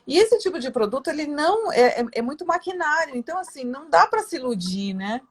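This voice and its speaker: A woman from Santos hosting an interview. Her voice is a little higher than most women's, and she talks in a chatty, rambling way, filling pauses and often tagging her sentences with a question. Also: big pitch swings. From Santos, Brazil. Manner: chatty, rambling, with many fillers and tag questions. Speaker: interview host. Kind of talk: casual interview chat.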